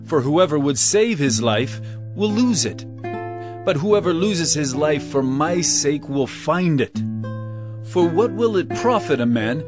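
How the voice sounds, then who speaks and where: Jesus, a solemn commanding teacher. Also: male voice, on the high side, very animated, takes it slowly. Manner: solemn, earnest declaiming. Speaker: actor. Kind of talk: audio drama acting. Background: guitar music.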